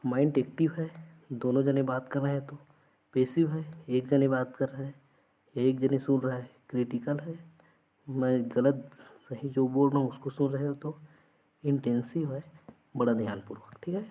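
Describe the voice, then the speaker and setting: A man's voice: mid-range voice, fairly even intonation, normal speed, narrow, tinny audio. A man teaching an exam-prep lesson, explaining through everyday examples and often checking that students follow.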